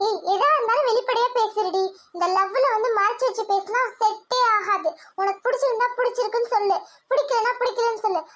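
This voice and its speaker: A woman's voice: very high-pitched, quick pace, fairly bright tone. A woman voicing a bossy young female college friend in a Tamil cartoon, teasing and coaxing.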